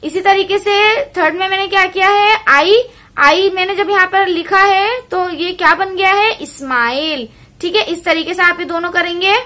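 A woman's voice: very high voice, bright, forceful tone. A woman teaching a young children's English class online, patiently explaining step by step and asking the class questions. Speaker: primary school English teacher.

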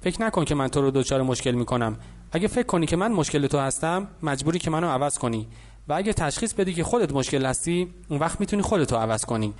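Calm rich older mentor lecturing a kid, lightly amused, a guy reading it in an audiobook. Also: fairly high pitch, lightly acted. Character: wealthy, confident older mentor man, patient teacher.

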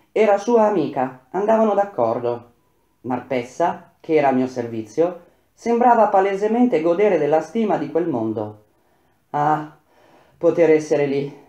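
A woman reading a novel aloud in a measured, grave manner with slow pauses. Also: deep voice, mellow, lo-fi sound. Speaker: reader. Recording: roomy echo.

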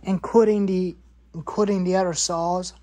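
A woman's voice: lowish voice, steady tone, normal speed, dark tone, dry recording. Young woman rambling through a garage tour. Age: 20s. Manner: rambling, repeats phrases, lists parts. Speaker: chainsaw hobbyist vlogger. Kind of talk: rambling show-and-tell in a workshop. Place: cluttered garage workshop.

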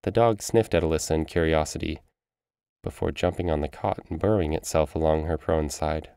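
A man narrating a short story in a calm, even way. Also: rumbling low, a little fast, gravelly, clean tone, dry recording, studio quality.

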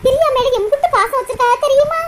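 A woman's voice: very high-pitched, fast talker, noisy background. A woman voicing a chatty village woman in a cartoon comedy, speaking, earnest and coaxing.

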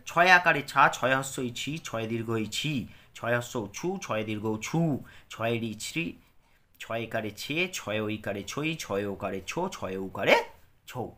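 A man's voice: mid-range voice, bright, forceful tone. A man teaching a pronunciation lesson, patiently drilling syllables and checking in with his students often.

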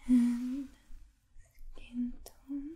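Woman acting a slow whispering Vietnamese-accented princess, whispered role-play. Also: high voice, level tone. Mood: gentle, attentive. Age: young adult. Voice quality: soft, breathy whisper. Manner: slow, soothing, attentive, halting short phrases. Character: gentle young Vietnamese princess doing a makeover.

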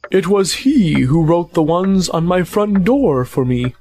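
A man's voice: high-pitched, animated, unhurried, darkish tone, exaggerated voice. A man voicing a pompous, long-winded old male owl in an amateur family audio drama. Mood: proud. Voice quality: fussy, long-winded, self-important.

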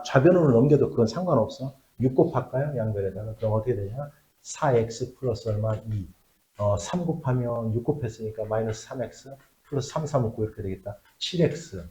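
Lively man teaching math in an echoey room. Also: mid-range voice. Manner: lively, asks checking questions, drops to mutters while writing. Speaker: math tutor. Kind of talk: classroom math lesson.

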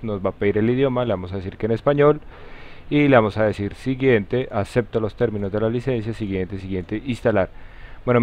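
A man with a Colombian accent hosting a step-by-step software tutorial in an informal way, using friendly diminutives. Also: fairly low pitch. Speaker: tutorial host. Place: voice-over for a screen recording. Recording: slightly dull, lo-fi sound.

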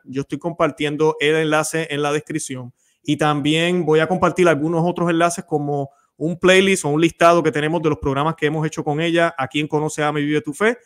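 A man's voice: a little high, steady tone, fairly quick. A Mexican man hosting a live stream, chatty and inviting, sometimes losing his thread. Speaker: host.

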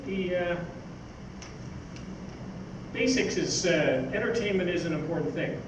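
An older man with a slightly high voice and lively intonation speaks haltingly and informally from notes, a magazine editor on an indoor theatre stage. His stand-mic audio is caught by a camera far off, making the recording very echoey and noisy.

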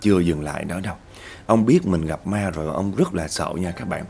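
A man's voice: a little fast, gravelly, a little mellow. A man, hosting and narrating a spooky story in a chatty way that talks straight to listeners. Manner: chatty, addresses listeners as "các bạn", rises in pitch at tense moments. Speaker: storyteller host. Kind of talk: spoken ghost story narration.

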